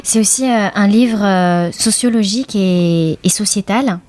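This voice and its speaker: A woman hosts a casual interview with a voice of middle pitch. She asks her questions haltingly and often murmurs along while her guest talks. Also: a little mellow, no echo. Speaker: interviewer, host.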